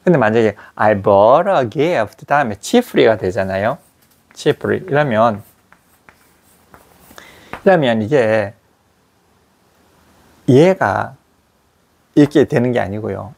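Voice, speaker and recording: Male grammar teacher, mid-pitched, drills phrases by repetition. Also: lively intonation, gravelly, a little mellow. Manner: explains slowly, drills pronunciation with repetition. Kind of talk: classroom grammar lesson.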